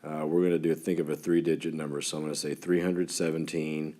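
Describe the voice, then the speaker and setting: Very deep-voiced man with West Texas twang. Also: little pitch movement, quick pace, dark tone. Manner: folksy, talks as if to a class of children. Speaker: school teacher. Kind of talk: instructional math lesson for students, informal.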